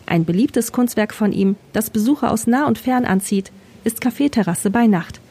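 Mellow-voiced woman narrating a radio feature. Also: a little high, animated, slightly rough. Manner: measured, informative. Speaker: radio reporter.

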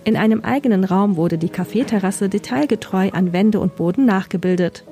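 A woman narrates a scripted radio travel feature in a mellow, warm voice. Her delivery is measured and informative. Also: mid-range voice, soft background music. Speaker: radio reporter.

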